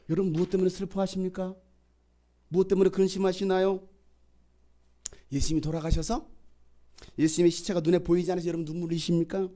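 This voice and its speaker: A male pastor preaching a sermon, swinging from loud calls to soft whispers and acting out the voices in the scripture. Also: a little high. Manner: acts out the voices in the scripture passages.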